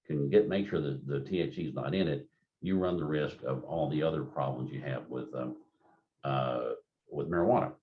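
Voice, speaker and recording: An older man giving a continuing-education lecture in a rambling, anecdotal, conversational way, full of fillers. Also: very deep voice. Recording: dull lo-fi lecture recording.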